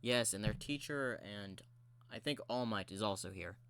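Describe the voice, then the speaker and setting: A man's voice: fairly low pitch, normal speed, fairly bright tone, clean tone, natural voice. A man voicing a nervous young male dock worker who is jumpy and apologetic. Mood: exasperated.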